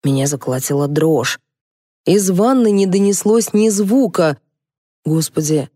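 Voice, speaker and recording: A woman reading a comic first-person audiobook with a lively, ironic delivery. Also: mid-range voice, dry recording, clean studio sound. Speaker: audiobook narrator.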